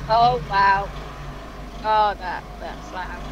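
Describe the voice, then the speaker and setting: A young woman chatting excitably as she hosts a casual gameplay let's play. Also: mid-range voice, very slow, background noise. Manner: chatty, excitable, sing-song chanting. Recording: dull lo-fi mic.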